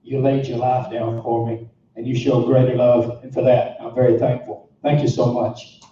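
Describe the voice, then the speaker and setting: A man's voice: mid-range voice, flat delivery, moderate pace, noisy background. A man giving an earnest speech from a stage. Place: large hall, on stage. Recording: echoey hall, distant mic, dull sound.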